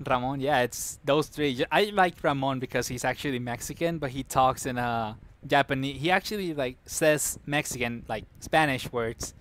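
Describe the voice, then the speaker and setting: A man's voice: mid-range voice, normal speed, hardly any pauses, fairly bright tone. A man streaming live, telling a rambling story, laughing often and correcting himself as he goes. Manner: reacts to chat mid-story.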